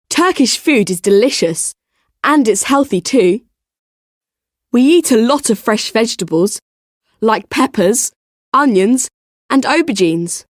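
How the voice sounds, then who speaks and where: A woman's voice: on the high side, no echo, studio quality. Woman reading as a friendly young boy. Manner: clear, careful textbook delivery. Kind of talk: scripted reading for learners.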